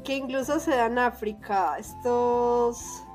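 A young Colombian woman with a paisa accent, chatting as a podcast guest in a lively, laughing, storytelling way. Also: a little high, slow pace, soft background music. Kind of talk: casual conversation.

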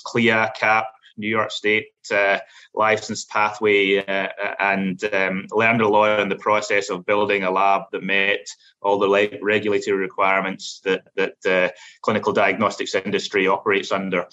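A middle-aged man with a Glasgow Scottish accent, a guest telling his career story in a measured way with frequent fillers and restarts. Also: on the low side, sharp tone, highs cut off. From Scotland. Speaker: guest, lab operations executive. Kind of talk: interview storytelling.

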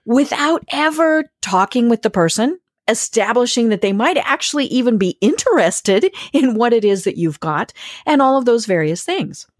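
A woman talks as a guest in a casual interview. Her voice rises and falls a lot as she speaks in an animated, filler-heavy way, and it sounds dry and close with no room echo. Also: fairly high pitch, moderate pace. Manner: animated, full of "you know" fillers. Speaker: podcast guest.

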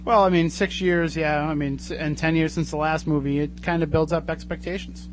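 A radio show host runs casual live talk radio in a fairly high, steady voice, speaking quickly and chattily with a joking streak. Clear noise and hum sit behind him, and the audio is poor.

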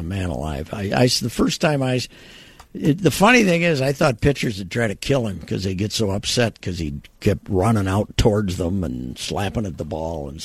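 Gravelly, husky man rambling on sports radio. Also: on the low side, no room sound. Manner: rambling, folksy, thinks out loud. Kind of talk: casual sports radio chat.

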